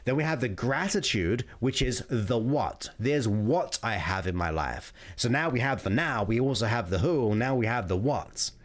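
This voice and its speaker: A man's voice: mid-range voice, expressive, moderate pace, few pauses. A man giving informal self-help coaching, repeating and listing his points for emphasis. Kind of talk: informal explanatory talk.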